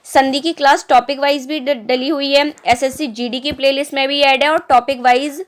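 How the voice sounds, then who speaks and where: A woman's voice: sits high, steady tone, normal speed. A young woman teaching Hindi spelling for competitive exams, patiently repeating each word and asking rhetorical questions. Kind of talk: exam-prep spelling lesson.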